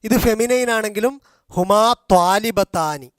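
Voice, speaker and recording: Malayali guy teaching grammar, high voice, slow, repeats every form. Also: animated, dry recording, clean studio sound. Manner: slow, drilling repetition of forms. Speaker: language teacher. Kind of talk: explaining grammar in a video class.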